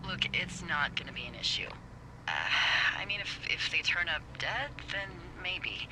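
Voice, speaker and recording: In naturalistic video game voice acting, a woman plays a wry, teasing fire lookout supervisor, speaking playfully and sardonically over a walkie-talkie, yet her mood is serious and guarded. Her voice sits low and is expressive, at a moderate pace. It's radio-filtered, with clear background noise.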